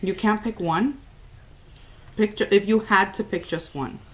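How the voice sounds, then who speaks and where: A woman's voice: medium pitch, a little slow. A woman in her thirties chatting casually as a mother co-hosting a family taste test at home. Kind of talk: casual family vlog chat. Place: small room at home.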